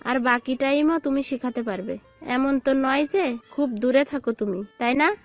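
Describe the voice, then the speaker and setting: A woman voicing a friendly, easygoing middle-aged mother who talks in a warm, welcoming way in an audio drama. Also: high-pitched, moderate pace, lo-fi sound, faint music behind. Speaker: voice actor. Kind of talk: Bengali audio love-story drama.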